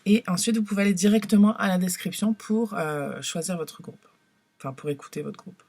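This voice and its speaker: Husky-voiced woman giving a tarot reading. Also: medium pitch, brisk. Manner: hesitant, many fillers and restarts, soft-spoken. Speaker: tarot card reader. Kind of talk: casual tarot reading to camera.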